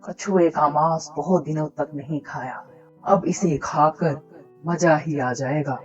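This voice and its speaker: A greedy village farmer in a storybook cartoon, as a voice actor plays him, gleeful and boastful. He speaks slowly, in drawn-out phrases, on a dull, lo-fi recording. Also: medium pitch, faint music behind, close to an everyday voice. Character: greedy meat-loving village farmer, middle-aged man.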